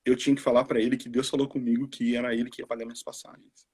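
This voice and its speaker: Brazilian guy in his 40s, husky voice, chatty testimony, does the voices when he quotes people. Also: mid-range voice, racing. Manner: animated storytelling, acts out quoted voices. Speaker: missionary. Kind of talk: casual testimony on a live stream.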